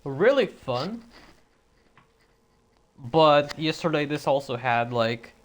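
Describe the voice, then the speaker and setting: A man's voice: a little high, animated, slow pace, slight background noise. A man streaming a video game, talking casually and rambling with frequent stutters while feeling a little sick. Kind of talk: casual gameplay commentary.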